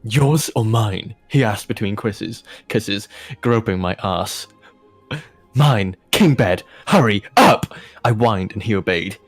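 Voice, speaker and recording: A man with a lowish, animated voice slowly reads fan fiction aloud for a video he hosts, treating it as a joke and slipping in casual asides. He breaks into laughter and commentary as he goes, with soft music playing in the background.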